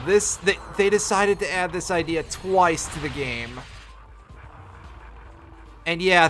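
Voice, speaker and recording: A man's voice: a little high, fairly bright tone, a little hiss or hum. A man giving casual live gameplay commentary as a streamer, with sardonic, sweary grumbling. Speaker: video game streamer.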